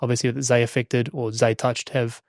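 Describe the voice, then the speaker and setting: A man's voice: medium pitch, little pitch movement, normal speed, no echo, studio quality. A man hosting a casual interview in a chummy, encouraging way. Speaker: podcast host.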